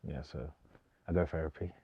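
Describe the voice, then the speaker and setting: This very deep, husky voice with vocal fry belongs to a young DJ being interviewed for a casual documentary. He talks fairly quickly and informally, leaning on slang and repetition. The audio sounds dull, with no room sound.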